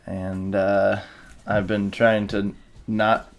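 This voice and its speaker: A man's voice: fairly low pitch, very slow, gravelly. Rambling young man hosting a podcast. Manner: relaxed, rambling with many fillers. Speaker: podcast host. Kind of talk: casual interview chat.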